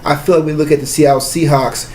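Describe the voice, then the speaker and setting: A man's voice: fairly high pitch, steady tone, quick pace, a little mellow. A man from the US Pacific Northwest hosting a casual conversational interview, slangy and discursive in his talk. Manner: slangy, discursive, often says "you know what I mean". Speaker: podcast host, interviewer. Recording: roomy echo, faint background noise.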